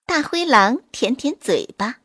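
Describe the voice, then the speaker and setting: A woman storyteller reading a children's story aloud with clear, expressive delivery. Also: high voice, unhurried, no room sound, studio quality.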